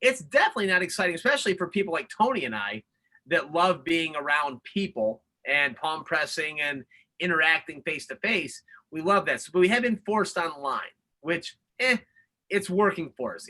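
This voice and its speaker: A man hosting an online talk, breaking in with takeaways and rhetorical questions in an energetic, preachy way. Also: on the high side, normal speed. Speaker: host. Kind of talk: webinar talk, interjecting takeaways.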